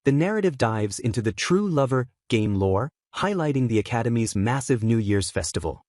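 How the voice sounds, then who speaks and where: Dry, steady male recap narrator. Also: mid-range voice, normal speed, dry recording.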